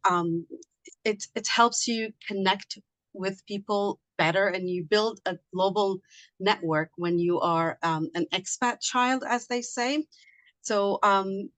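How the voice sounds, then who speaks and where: A middle-aged woman from Liberia talks with an easy, chatty flow, full of fillers and restarts. Her voice sits at an average pitch. The sound is close and dry, with no room around it. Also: a bit bright, dry recording, poor audio. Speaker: guest, immigration consultant. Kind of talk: casual interview.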